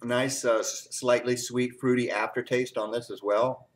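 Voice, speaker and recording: Eyes watering from the spice, a man tastes and reviews hot peppers in a casual way. His medium-pitched voice stays steady, though he halts often, fills gaps with filler words, and repeatedly clears his throat.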